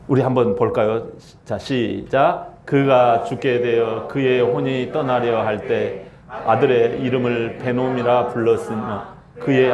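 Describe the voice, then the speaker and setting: A man's voice: medium pitch, a little mellow, slight background noise. A middle-aged man preaching a sermon as pastor, emphatic, acting out the people in his story with rising, wailing voices.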